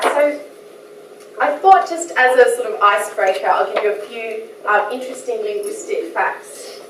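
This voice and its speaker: A woman's voice: medium pitch, slight background noise. A woman with an Australian accent, a guest lecturer giving a chatty, self-deprecating academic talk. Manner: chatty, self-deprecating, laughs between points. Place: lecture hall. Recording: echoey hall, mic from a distance.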